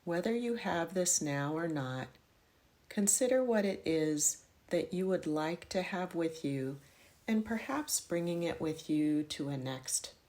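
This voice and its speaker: A low-voiced woman guides a meditation in the yoga nidra style. Her pace is very slow, with each instruction delivered in measured phrases, and her guidance is gentle and instructive.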